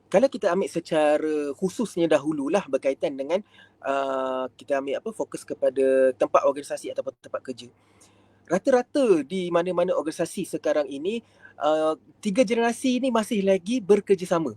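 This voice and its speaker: Malaysian guy lecturing on a live stream, fairly high voice, dry close sound, lots of um and ah. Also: lively intonation, brisk, warm tone, no echo. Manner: frequent fillers, mixes in English words. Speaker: counselor giving a talk.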